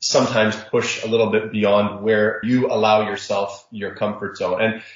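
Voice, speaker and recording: A man who was born in Saudi Arabia, giving reflective, measured interview answers as a startup founder. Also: lowish voice, fairly even intonation. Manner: reflective, measured, sprinkles religious phrases. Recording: roomy, dull lo-fi audio.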